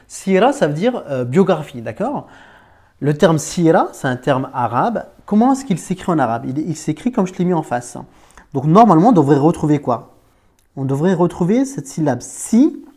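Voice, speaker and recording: A man teaching a beginner to read Arabic letters, patient and informal, often checking understanding and slowly sounding out syllables. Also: on the high side, dark tone. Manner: patient, informal, talks to one learner as "tu", checks understanding with "d'accord?"; slows down and stretches words to sound them out. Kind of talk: Arabic reading lesson.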